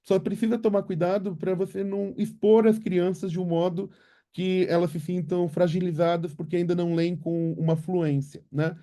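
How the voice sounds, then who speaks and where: A man's voice: sits high, little pitch movement, moderate pace, warm tone. A man with a Brazilian Portuguese accent, a literacy researcher answering viewer questions in a live webinar, explaining patiently and ending points with tag questions.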